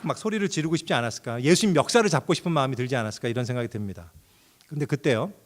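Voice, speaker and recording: A middle-aged man preaching a sermon as pastor, telling the story expressively and acting out characters' thoughts with sudden outbursts. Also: on the high side.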